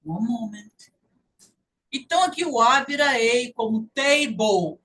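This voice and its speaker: Brazilian woman teacher, patient and slow-spoken, heard from across the room. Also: on the high side, animated, a bit bright, far from the mic, rough recording. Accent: Brazilian Portuguese. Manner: patient, repeats sounds slowly to demonstrate. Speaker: language teacher. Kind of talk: online English lesson.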